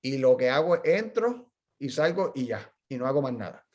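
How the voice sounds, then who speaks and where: This middle-aged man is a physical therapist chatting casually in a journal club discussion. His voice is medium in pitch and a little mellow, very animated, at a normal speed. He tells stories and explains things, often restarting his sentences.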